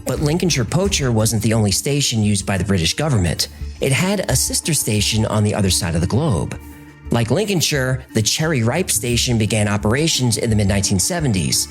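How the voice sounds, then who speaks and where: Over gentle background music, a man with a mid-range voice narrates a scripted podcast documentary. He moves at a fairly quick clip, and his delivery rises and falls with lively variety.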